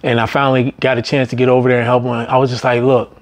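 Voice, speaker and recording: A man's voice: little pitch movement, racing. A middle-aged man casually telling stories about managing a busy restaurant, rambling and tagging his sentences with "man" and "right?". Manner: loose, rambling delivery with frequent "man" and "right?" tags; slips into high, strained voices when quoting others. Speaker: business vlogger and former restaurant manager. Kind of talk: casual storytelling monologue.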